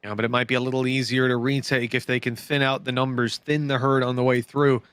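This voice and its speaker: A man giving excitable play-by-play commentary on an esports match. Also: quick pace, clear, resonant tone, no room sound. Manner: excitable, pitch climbs sharply in big moments. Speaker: esports caster. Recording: broadcast with game noise behind.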